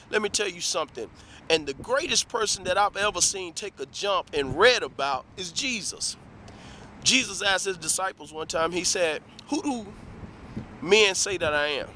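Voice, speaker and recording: Man, motivational vlogger, fairly high, forceful, preaching with faint traffic behind. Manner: preachy, rhetorical questions, repeats "let me tell you something". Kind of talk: motivational talk to camera.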